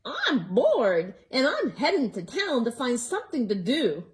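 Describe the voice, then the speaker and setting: A woman playing a small, stubborn barnyard hen who clucks her words with emphatic insistence. The pitch bounces high and lively, loud on each demand. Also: unhurried. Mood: determined. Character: fussy, determined little barnyard hen.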